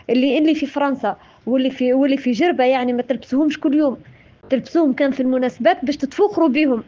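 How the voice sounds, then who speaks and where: A Tunisian-accented woman gives an informal religious talk in a high, quick voice. She is impassioned and scolding, and she keeps repeating her words. The recording is dull and lo-fi. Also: a little mellow. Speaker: religious speaker.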